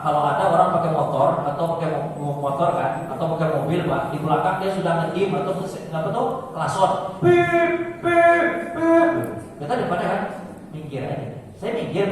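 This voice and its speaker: A man giving a short mosque sermon in a storytelling way, with speech, often addressing listeners as "sir" and acting out the people in his stories. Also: fairly high pitch. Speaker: preacher. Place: mosque hall. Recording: echoey hall from far off, faint noise.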